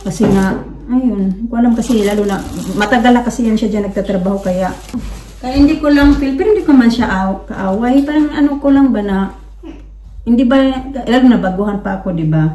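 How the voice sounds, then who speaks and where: A woman's voice: on the high side, a little fast, dark tone, distant mic. A woman from the Philippines chatting casually to her viewers, rambling with many fillers and restarts. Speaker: vlogger. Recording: roomy, from off the mic, faint noise.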